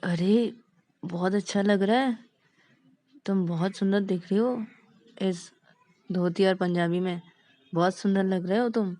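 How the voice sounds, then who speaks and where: A woman voicing a fond middle-aged mother who gives brisk, bossy instructions. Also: mid-range voice, fairly even intonation, warm tone, no room sound, natural voice. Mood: bustling.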